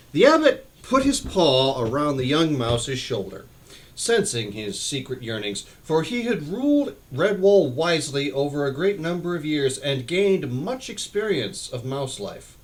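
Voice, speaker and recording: A man reading a children's novel aloud chapter by chapter, expressive with occasional slips and restarts. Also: fairly high pitch. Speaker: storyteller.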